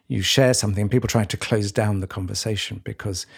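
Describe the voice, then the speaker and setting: A man co-hosting a podcast, talking reflectively in a halting, searching way with many restarts. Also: lowish voice, fairly even intonation, vocal fry, breathy edge. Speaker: podcast co-host. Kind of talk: reflective conversation.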